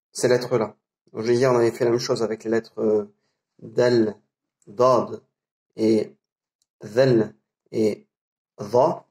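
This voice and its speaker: A man's voice: mid-range voice, dark tone. Patient man teaching pronunciation. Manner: patient, explains slowly with fillers and repeated sounds. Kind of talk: casual spoken lesson.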